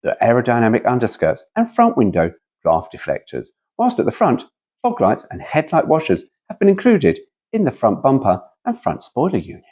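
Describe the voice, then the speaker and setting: With a medium-pitched, somewhat mellow voice whose pitch swoops wildly, a British man hosts a car vlog at a moderate pace. He reads brochure copy and rambles playfully, often interrupting himself, on a muffled recording.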